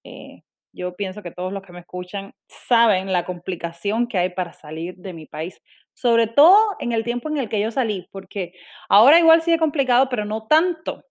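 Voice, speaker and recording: A young Cuban woman with a Cuban Spanish accent delivers a candid, self-critical personal monologue, frequently starting over. Her medium-pitched voice is expressive and moves at a normal speed.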